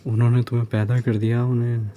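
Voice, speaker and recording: A man doing a whispered role-play as a caring neighbour, soothing and gentle, mixing English phrases into his Hindi. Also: medium pitch, flat delivery, slight background noise. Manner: soft, soothing, slow. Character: caring male neighbour comforting a crying woman. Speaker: ASMR role-play creator.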